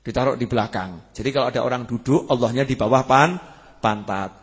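A man preaching a sermon, animated, building to emphatic peaks and asking his listeners questions. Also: mid-range voice, fairly quick. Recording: husky voice with long hall reverb.

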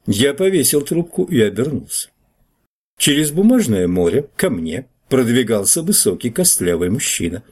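A man narrating a first-person audiobook with a slightly husky voice. His delivery is wry and lively, with his pitch moving a lot as he tells the story. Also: normal speed.

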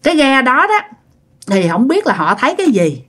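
A woman's voice: high voice, big pitch swings, moderate pace, fairly bright tone. Chatty Southern Vietnamese woman storyteller. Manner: chatty, addresses listeners directly. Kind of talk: casual ghost story telling.

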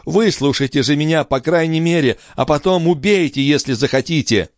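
A man's voice: mid-range voice, animated, unhurried, no room sound, studio quality, pitched above the performer's own voice, close to an everyday voice. A man voicing a desperate young commoner who pleads and trembles, turning cold and cutting. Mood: pleading.

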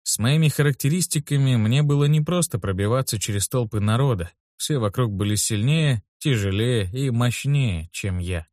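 A man reading a first-person audiobook in a steady, wry storytelling manner on a close studio mic. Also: mid-range voice, no room sound. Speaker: audiobook narrator.

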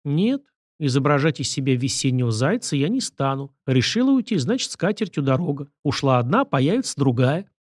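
A man reading the lines of a calm, ironic young man in an audiobook, dry in manner. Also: mid-range voice, a little fast, dry recording.

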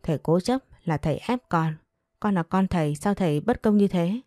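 Woman reading a nasty arrogant young husband in a story, spiteful and sneering, low mellow voice. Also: lively intonation, moderate pace, no echo, clean studio sound, soft background music, close to an everyday voice. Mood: defiant. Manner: contemptuous, spiteful.

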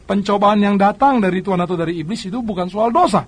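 A man preaching a sermon as pastor, swinging between loud emphatic lines and quiet asides, often calling out to his listeners. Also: high voice, quick pace. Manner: addresses listeners as "saudara", acts out quoted prayers.

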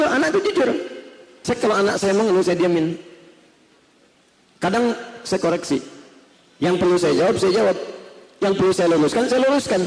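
A man preaching a sermon, telling a story and speaking directly to the women listening. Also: sits high. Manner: storytelling, addressing women listeners directly, acts out quoted voices. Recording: long hall reverb.

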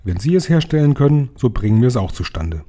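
A man's voice: mid-range voice, very animated, fast talker, dark tone. Man putting on a spirited old grandmother. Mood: triumphant. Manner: emphatic, exclaiming.

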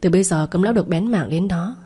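A woman's voice: on the low side, fast talker, dark tone, breathy edge. A woman voicing a jealous, coarse young male lover who wheedles and accuses in an audio story. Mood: jealous wheedling.

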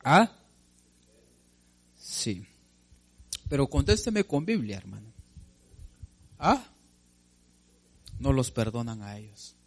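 A man's voice: mid-range voice, sing-song, takes it slowly, pauses often, slightly rough. A male preacher delivering a sermon, emphatic and direct, putting questions to the congregation and calling them brother.

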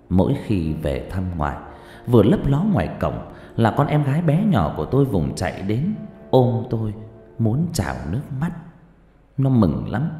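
Male audiobook narrator, warm and low, animated delivery for a ghost story, echoey with faint music. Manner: dramatic, expressive storytelling with shifting pitch. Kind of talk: first-person horror story narration. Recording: reverberant hall with background music.

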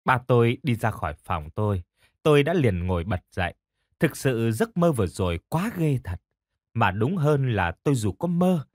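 Man, audiobook narrator, expressive storytelling, husky, lively intonation, faint music behind. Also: mid-range voice, no echo, clean studio sound. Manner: expressive first-person storytelling.

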